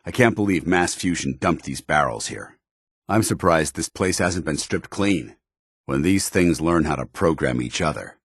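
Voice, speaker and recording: An actor playing a stern, dutiful military paladin in a post-apocalyptic video game, speaking formally with clipped authority. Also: male voice, extremely low pitch, animated, normal speed, fairly bright tone, slightly rough, no room sound, studio quality, exaggerated voice. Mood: stern, observant. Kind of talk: video game companion dialogue.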